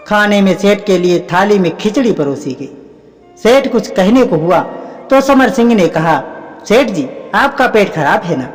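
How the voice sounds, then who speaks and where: A man narrating a humorous folk tale in a conversational storytelling manner, speaking directly to his listeners. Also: sits high. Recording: long reverb, faint background music.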